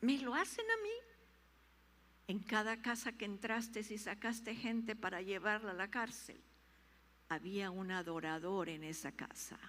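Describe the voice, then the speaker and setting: A woman preacher voicing Jesus speaking to Saul, slow and solemn, in a reverberant hall. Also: medium pitch, lively intonation, a bit bright.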